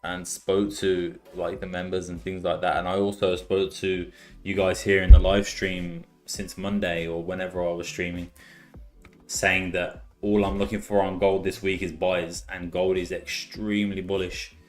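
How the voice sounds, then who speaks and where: Low-voiced Birmingham man chatting on a live stream. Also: normal speed, soft background music. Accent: Birmingham English, softened by years in Australia. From Birmingham, England. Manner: relaxed and chatty, repeats words, says "like" and "man" often. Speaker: live-stream trading host. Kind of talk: casual live-stream chat and chart commentary.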